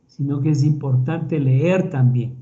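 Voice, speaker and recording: A man with an Ecuadorian Spanish accent giving a recorded medical lecture in a measured, explanatory way, often repeating words as he thinks. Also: mid-range voice, mellow, highs cut off.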